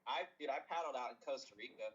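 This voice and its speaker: A man's voice: medium pitch, quick pace, fairly bright tone, lo-fi sound, slight background noise. A man on a casual podcast, goofily teasing his friends and boasting playfully. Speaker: podcast co-host. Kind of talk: casual banter among friends.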